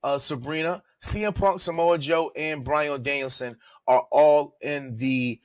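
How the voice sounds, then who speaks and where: A man's voice: fairly high pitch, steady tone, unhurried, dry recording. A man giving an emphatic, cursing wrestling opinion as a guest commenter.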